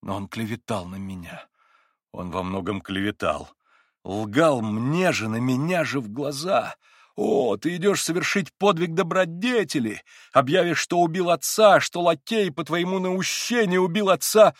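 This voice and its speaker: A man voicing a feverish, tormented young man in an audiobook, husky and agitated, rising into anguished outbursts. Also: on the high side, a little slow, no echo, studio quality, voice pushed up. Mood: bitter. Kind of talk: audiobook character reading.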